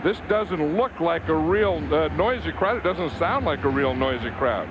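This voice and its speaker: A man's voice: fairly high pitch, lively intonation, normal speed. A man doing live football color commentary at a stadium event, explaining plays conversationally and emphatically, repeating phrases to drive points home. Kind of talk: live game analysis, conversational. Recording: loud stadium noise behind. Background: loud crowd and stadium din.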